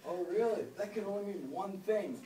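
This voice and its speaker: A young woman student playing a cocky, fight-hungry special-forces soldier in a lowered voice. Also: moderate pace, lightly acted. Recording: echoey classroom, distant mic, noisy.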